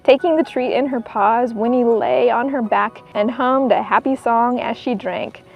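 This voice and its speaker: A woman reading a children's book aloud in an expressive storytelling style, as a narrator for young listeners. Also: fairly high pitch, unhurried, creaky, lo-fi sound.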